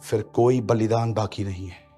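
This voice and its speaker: A man preaching a fiery, exhorting sermon, shifting between quiet warnings and loud calls to rise up. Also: fairly low pitch, steady tone, normal speed, faint music behind. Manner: fiery, exhorting, mixes English into Hindi. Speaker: pastor.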